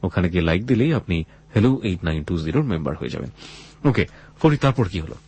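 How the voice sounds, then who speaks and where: A man with a Bangladeshi accent and a husky voice hosting a late-night life-story radio show, deliberate and philosophical, slipping in English phrases. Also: low-pitched, very animated, darkish tone. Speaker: radio host.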